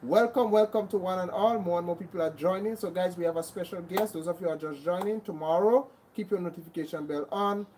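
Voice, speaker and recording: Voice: medium pitch, fairly quick, hardly any pauses, mellow, slight background noise, poor audio. A livestream host with a Grenadian accent, chatting casually and greeting and thanking viewers by name, often repeating herself.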